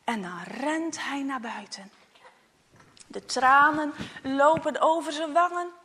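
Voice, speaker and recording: A woman narrating a children's story softly, often dropping to a hush and then lifting with expression. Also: sits high, slow pace, long reverb tail. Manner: soft, often hushed to a whisper, expressive.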